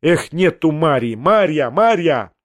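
A man's voice: a little high, expressive, a little slow, no echo. A male audiobook reader voicing a brusque, bossy lady of the house who scolds and commands impatiently. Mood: scolding. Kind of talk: audiobook character voice.

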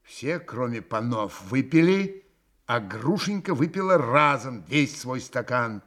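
A man reads a classic novel aloud with a bright, fairly high voice. He takes his time and lets the pitch move expressively through each sentence. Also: lively intonation, slow pace. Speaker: narrator. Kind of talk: audiobook reading.

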